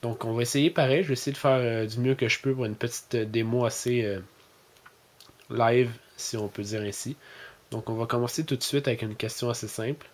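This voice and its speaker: A man with a Québécois French accent hosting a casual tech demo, talking hesitantly with many fillers and speaking louder and slower when he gives his phone voice commands. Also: medium pitch, steady tone. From Quebec, Canada. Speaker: tech video host.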